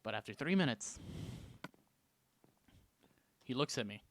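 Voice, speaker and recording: A man from Canada telling a story in a casual vlog, animated, jumping between loud bursts and hushed asides. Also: medium pitch, a little slow. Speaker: vlogger.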